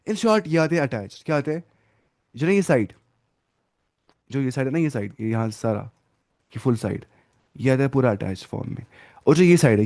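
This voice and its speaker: A man's voice: medium pitch, gravelly, a little mellow. A man teaching an online Arabic lesson in Hindi, drilling grammar through repetition and often asking his students questions. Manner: repetitive drilling with hand gestures.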